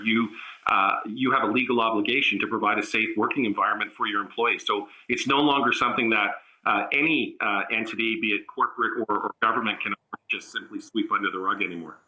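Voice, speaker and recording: Guy analyst on a remote news link, really bright sharp tone, lots of uh and restarts. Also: fairly low pitch, steady tone, poor audio. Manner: measured, frequent uh fillers and restarts. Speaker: political analyst.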